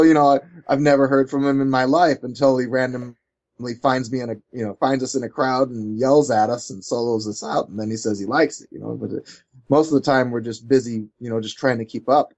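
A man of middle pitch chats as an interview guest, rambling through animated anecdotes and padding every phrase with "like" and "you know". His voice comes through a slightly dull, lo-fi recording. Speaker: guest, co-founder of a controller company. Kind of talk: casual interview chat.

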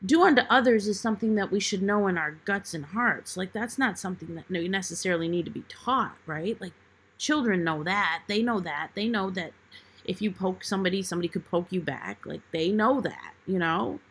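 A woman in casual conversation, asking questions and reflecting in a soft voice. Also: mid-range voice, lively intonation, a little fast, breathy edge.

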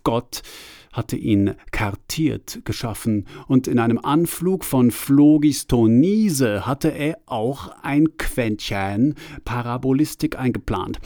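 A man narrating a scripted literary story, reading invented words in a deadpan, earnest manner. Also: medium pitch, no room sound, clean studio sound.

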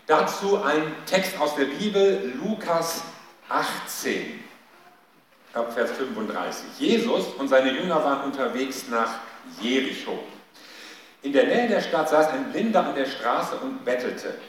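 A man giving a sermon, telling a Bible story in a lively way and shouting out the quoted cries. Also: medium pitch, unhurried, slight background noise. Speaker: preacher. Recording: echoey hall, mic at a distance.

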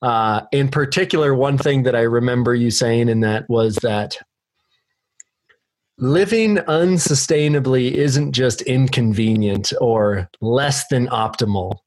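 A man's voice: mid-range voice, measured pace, a little mellow, dry recording. A man from Oregon hosting a podcast interview over a video call from his bedroom, talking casually and rambling with fillers. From Oregon, USA. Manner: laid-back, rambling with fillers. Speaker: podcast host. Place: bedroom at home.

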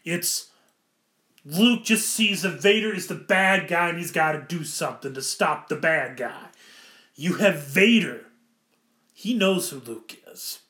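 Man, high-pitched, rambling, enthusiastic film talk, echoey room. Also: expressive, a little slow, bright, forceful tone. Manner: rambling, enthusiastic, self-correcting. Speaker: film reviewer. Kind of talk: casual film commentary.

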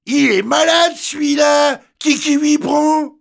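A man voicing a brash, hoarse working-class young woman who shouts coarse insults. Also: very high voice, steady tone, slow pace, voice pushed up, exaggerated voice. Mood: indignant. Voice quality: hoarse, coarse street speech.

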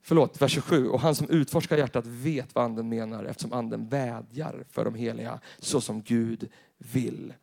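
A man preaching a sermon in a church, animated and storytelling, acting out characters as he goes. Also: medium pitch, creaky, few pauses. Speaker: pastor.

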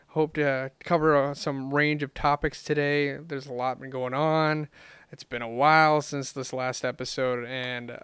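A man hosting a casual podcast, his voice a bit high and clean, recorded close and dry. He talks loosely, stumbling through uhs and restarts. The tone stays informal throughout. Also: fairly bright tone, clean tone, dry recording. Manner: loose and chatty, with many fillers. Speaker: podcast host.

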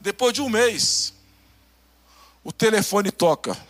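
Brazilian pastor guy preaching a testimony, really high voice, acts out the dialogue, loud then hushed. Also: slow pace, faint music behind. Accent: Brazilian Portuguese. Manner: animated storytelling, acting out dialogue, swings between loud and hushed. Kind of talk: sermon with testimony.

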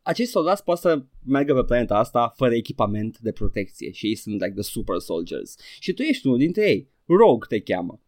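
A man's voice: mid-range voice, very animated, hardly any pauses, a little mellow. A man co-hosting a podcast, chatting casually about a video game, laughing often and dropping English phrases into his talk. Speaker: podcast co-host.

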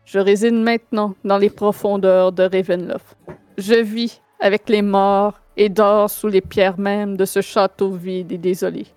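An imperious, lovelorn vampire lord, voiced by a woman in a tabletop game. The delivery is slow and solemn, recorded dry with faint music behind it. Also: medium pitch, steady tone, darkish tone, clear, resonant tone, no room sound, natural voice.

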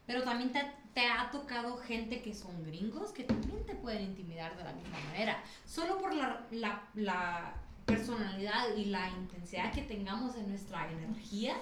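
A woman's voice: medium pitch, lively intonation, moderate pace, few pauses. A woman guest in a podcast discussion, speaking in fragmented, trailing phrases and seeking agreement. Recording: echoey room, faint noise.

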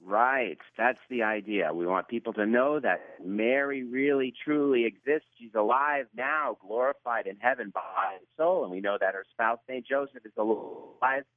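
A man's voice: medium pitch, normal speed, hardly any pauses, no echo. Emphatic Brooklyn-accented man, dull radio sound. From Brooklyn, New York, USA. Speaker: interview guest, author. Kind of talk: conversational radio interview.

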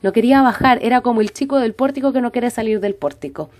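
A woman's voice: fairly high pitch, fast, darkish tone, dry recording. A young woman, hosting and telling a personal story in a dramatic, emotive way, with many restarts. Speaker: host.

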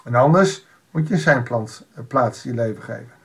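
A man's voice: mid-range voice, animated, normal speed, vocal fry. A man giving an informal Bible devotional, reading a passage aloud and explaining it in a conversational way with wry asides.

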